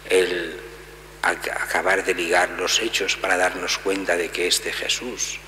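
A middle-aged priest preaches from a lectern, his voice low yet bright and clear, explaining the reading patiently with frequent asides. The gooseneck mic catches a long church reverb and a faint electrical hum. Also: a little slow. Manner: calm explanatory teaching with many asides. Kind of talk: homily at daily Mass.

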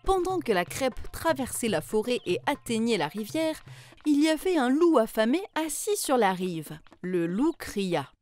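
A woman narrating a children's fairy tale in a clear, measured way. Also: on the high side, very animated, a little mellow.

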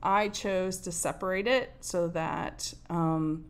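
A Nova Scotia woman in her forties hosts a cross-stitch video, chatting casually about her project in a show-and-tell style. Her voice is on the low side, steady and slow, and she thinks aloud with plenty of ums. She sits indoors in a home room with window blinds, recorded by a fixed camera at desk distance.

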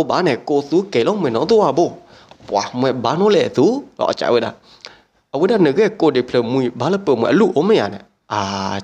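Slow, gravelly male storyteller. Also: medium pitch. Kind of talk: oral folk storytelling.

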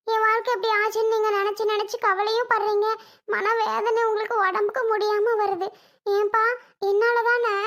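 A woman's voice: extremely high pitch, a bit bright. A woman playing a guilt-ridden grown daughter who pleads with her father in a home-made family drama skit. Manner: pleading, repetitive.

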